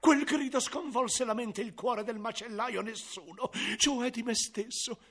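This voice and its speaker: A man's voice: very high voice, a little slow, fairly bright tone, husky. A man narrating a 1970s radio comedy as a crafty butcher, theatrical and ironic. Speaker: narrator and first-person butcher.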